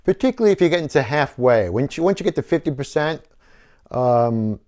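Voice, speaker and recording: A middle-aged man with a fairly high, slightly mellow voice, lively intonation and a fairly quick pace gives an informal technical walkthrough. A radio hobbyist presenting a DIY build, he explains as he goes and often corrects himself.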